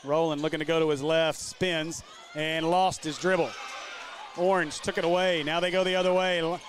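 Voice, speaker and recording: A man with a high voice calls basketball play-by-play live from a gym. He runs through the action quickly. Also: level tone. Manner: quick, running call of the action. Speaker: play-by-play commentator.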